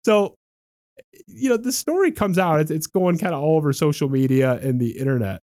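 A man's voice: fairly high pitch, expressive, a little fast, darkish tone. A man hosting a talk show, delivering a sarcastic, exasperated political monologue and mocking the statements he reads out. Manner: sarcastic, exasperated, reads quotes aloud and mocks them. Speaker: podcast host.

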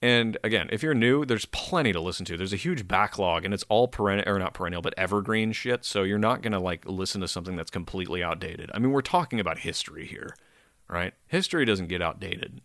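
This is a man with a deep, gravelly voice who sounds very tired and sleepy. He chats solo as a podcast host in a rambling, self-deprecating way, swearing casually. The sound is dry, with no room echo. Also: expressive, fast talker, a bit bright.

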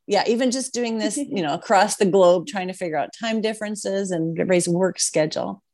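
A woman in her sixties hosts a casual interview with chatty, wandering asides. Her voice sits at a middling pitch for a woman, and the sound is dry, with no room around it. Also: brisk, a little mellow, no echo. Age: 60s. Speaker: podcast host and interviewer.

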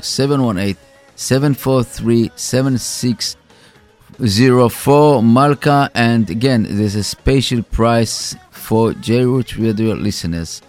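Halting male radio co-host over music. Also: medium pitch. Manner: halting, repetitive, circles back on phrases. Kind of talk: improvised radio announcements and sponsor plugs.

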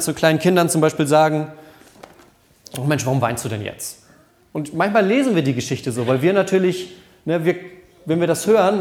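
A man's voice: on the high side, slight background noise. A pastor preaching a sermon at a church service, earnest and conversational, often repeating his phrases.

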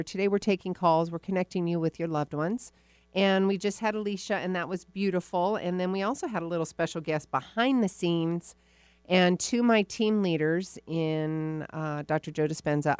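A woman's voice: on the low side, fairly even intonation, normal speed, clear, resonant tone, dry recording. A woman hosting a radio call-in show, chatty and effusive, full of endearments.

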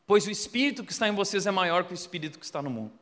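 Pastor guy preaching, high voice, acts out the stories, goes loud then hushed. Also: very fast, in a large hall. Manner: animated storyteller, acts out quotes, shifts between loud and hushed. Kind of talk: sermon with storytelling.

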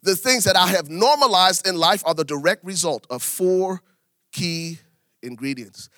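Liberian-born preacher with a bright, forceful voice. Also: male voice, a little slow, dry recording. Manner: preaching with big swings in pitch and volume, repeating phrases for emphasis. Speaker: pastor. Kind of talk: sermon.

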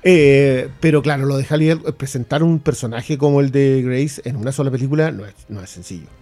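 Un hombre con acento chileno, copresentador de un pódcast, que comenta películas en una charla informal y repite palabras al arrancar las frases. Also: male voice, medium pitch, mellow. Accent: Chilean Spanish. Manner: talks fast, repeats words, restarts often. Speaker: podcast co-host. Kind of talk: casual film review chat.

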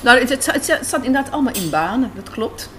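A woman from the Netherlands, a radio drama writer and director, answers interview questions as a guest in a conversational, emphatic way. Her fairly high voice is animated and brisk, with faint café ambience around her indoors.

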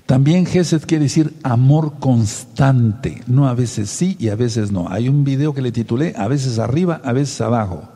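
A male preacher delivers his sermon emphatically, rising in pitch to stress key words. His voice is mellow and a little husky. A long reverb trails behind him. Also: a little slow, hardly any pauses. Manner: emphatic, spells out words letter by letter.

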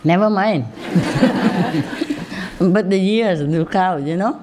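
A woman's voice: fairly low pitch, slow, background noise. A woman in her fifties, a spiritual teacher, chatting informally with an audience, joking and chuckling often.

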